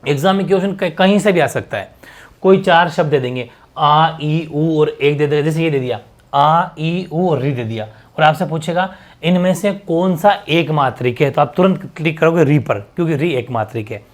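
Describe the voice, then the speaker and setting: Guy teaching an exam prep class, stretches the sounds out slow and says each term again and again. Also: fairly high pitch. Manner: stretches sounds slowly to demonstrate, repeats terms.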